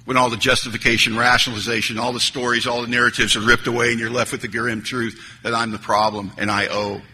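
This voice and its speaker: A man's voice: mid-range voice, flat delivery, fast talker, bright, forceful tone, husky. A man giving an earnest recovery talk at a meeting, telling stories and acting out conversations on a stage microphone. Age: 30s or older. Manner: earnest, storytelling, acts out dialogue. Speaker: AA speaker. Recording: hall reverb, faint noise.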